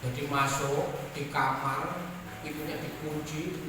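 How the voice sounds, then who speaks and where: A preacher with a Javanese accent gives a lively sermon, joking and asking the audience for shows of hands. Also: mid-range voice, unhurried, background noise. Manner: animated, jokes and asks the crowd for shows of hands. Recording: echoey hall, voice from far off.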